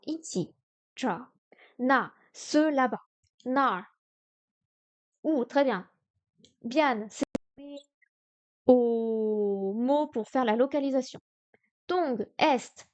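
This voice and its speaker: A woman streaming herself studying Chinese, sounding out words slowly and correcting herself aloud. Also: a little high. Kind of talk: live-stream study session.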